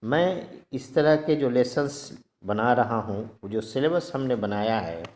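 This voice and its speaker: A man teaching spoken English, slowly drilling English sentences and explaining them in Hindi. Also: medium pitch, expressive, darkish tone, echoey room.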